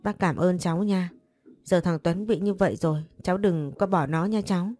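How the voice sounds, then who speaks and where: A grief-stricken older mother, voiced by a woman storyteller, speaks through tears in slow, broken phrases. Her voice is low and mellow and sits in a dry room over faint music. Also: dry recording, close to an everyday voice. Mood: grieving. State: tearful. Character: grieving, weeping older mother.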